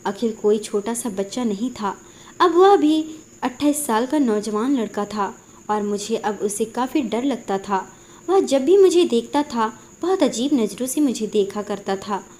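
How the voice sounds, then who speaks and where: Woman, emotional story narration, earnest, dramatic, mellow tone. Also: a little high, lively intonation, a little slow.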